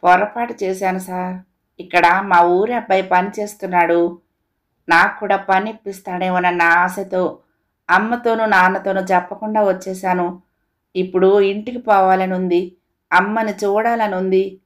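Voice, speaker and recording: A woman's voice: mid-range voice, steady tone, normal speed, natural voice. A woman voicing a remorseful teenage boy who ran away from home, speaking tearfully and pleading.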